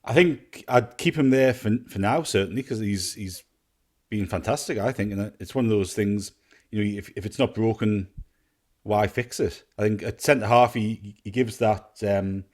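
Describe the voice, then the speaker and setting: A man's voice: fairly low pitch, moderate pace, a little mellow. A man talking casually about football as a podcast panellist. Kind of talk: casual football fan chat.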